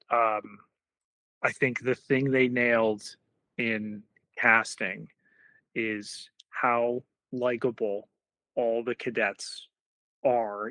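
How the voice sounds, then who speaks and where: A man co-hosting a podcast, talking in a halting way with many pauses and fillers. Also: medium pitch, fairly bright tone, dry recording. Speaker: podcast co-host. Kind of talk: casual podcast discussion.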